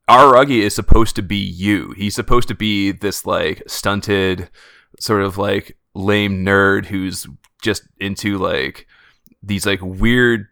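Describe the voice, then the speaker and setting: A low-pitched man with a gravelly, bright edge lays out his thinking in a loose, conversational way. The recording is dry, with no room sound. It is casual podcast chat. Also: no echo. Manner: thoughtful, explaining a theory at length. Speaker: podcast co-host.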